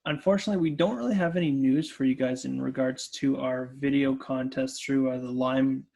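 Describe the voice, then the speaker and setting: Man with a gravelly, monotone voice, steady podcast co-host. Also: medium pitch, fairly quick. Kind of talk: casual chat.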